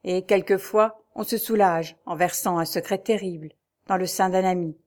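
A woman's voice: lowish voice, steady tone, normal speed, a little mellow, lightly acted. A woman voicing an earnest, loyal young knight who asks eager, concerned questions, in an audiobook reading.

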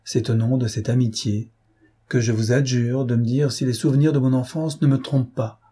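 A man's voice: mid-range voice, fairly even intonation, normal speed, mellow, slightly rough, lightly acted. A man reading aloud and voicing a grave young woman who speaks with firm, solemn resolve. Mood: pleading.

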